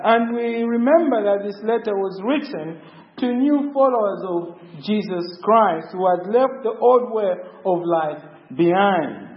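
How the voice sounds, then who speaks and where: A male pastor delivers a sermon in a storytelling way, often pausing on fillers. His voice sits fairly high. The sound is a little dull and echoes around a church hall. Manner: storytelling with frequent hesitant fillers.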